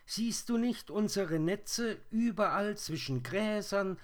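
A man voicing a chorus of tiny wailing spiders in a storybook reading, with a high, whining tone. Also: expressive, takes it slowly. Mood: insistent.

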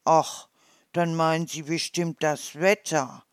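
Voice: medium pitch, steady tone, takes it slowly, smooth, no room sound, clean studio sound. A storyteller voicing a small, curious, naive hedgehog who asks wondering questions.

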